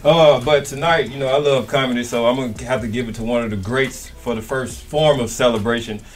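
A man with hosting a rowdy, casual podcast chat, animated and swearing, jumping into high-pitched bursts. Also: fairly quick. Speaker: podcast host.

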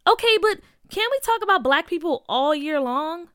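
A woman's voice: very high voice, expressive, normal speed, a bit bright, no echo, clean studio sound, pitched above the performer's own voice. A woman voicing an earnest, outspoken young schoolgirl who asks insistent questions in a storybook reading. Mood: pleading.

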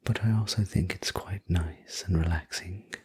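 A man playing a courteous night train conductor in a whispered role-play, narrating a sleep story in a soothing, polite, breathy whisper. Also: sits low, steady tone, normal speed, a little mellow. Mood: soothing, welcoming.

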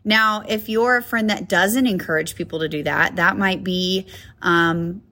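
A young adult woman hosts a casual motivational podcast, chatting encouragingly with frequent fillers and restarts. Her fairly low voice is unhurried yet pushed and bright.

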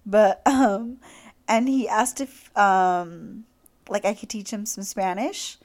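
A woman's voice: medium pitch, slow pace. Gushing young woman, "like"-filled chatter. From Latin America. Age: young adult. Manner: gushing, heavy use of "like". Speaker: podcast host. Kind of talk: casual storytelling monologue.

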